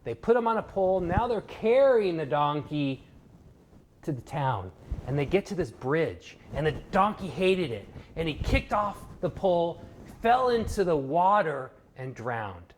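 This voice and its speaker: A man's voice: fairly high pitch, very animated, a little slow, a little hiss or hum. Earnest male motivational speaker. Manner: storytelling, emphatic and earnest. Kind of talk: motivational course lecture.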